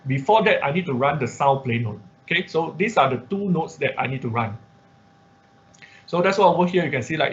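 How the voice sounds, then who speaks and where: Slightly high and a bit bright, this man's voice leads a casual online-class tutorial over screen share. He moves through each step in turn and keeps dropping quick check words such as "right" and "okay." Sound quality is lo-fi and dull.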